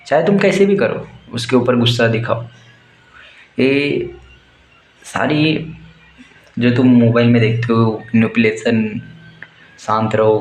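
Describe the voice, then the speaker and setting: A young man gives blunt, crude, fired-up life advice in a casual motivational monologue. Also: mid-range voice. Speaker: warehouse worker giving life advice. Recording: roomy echo, faint background noise.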